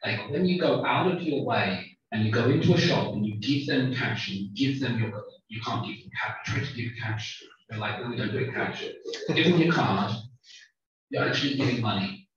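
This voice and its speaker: Male lecturer, medium pitch, informal and conversational, heavy room echo, distant muffled sound. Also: expressive, normal speed. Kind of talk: conversational lecture and audience discussion. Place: small lecture room with audience. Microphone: handheld mic, recorded by far camera.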